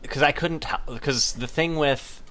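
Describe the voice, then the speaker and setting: A man's voice: on the high side, a little slow, a bit bright. A man with an Upper Michigan Yooper accent, chatting casually as a podcast co-host. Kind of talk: casual chat.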